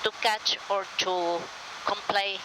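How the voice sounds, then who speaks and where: A woman's voice: mid-range voice, steady tone, slow, background noise. A woman airline pilot with a Mexican accent, talking and explaining things informally in the cockpit during flight. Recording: clear aircraft cockpit drone.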